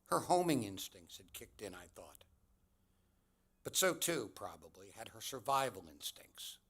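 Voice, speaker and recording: A man giving a commencement address, telling a personal story in a measured, deliberate way with dramatic pauses. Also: medium pitch, a bit bright. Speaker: commencement speaker.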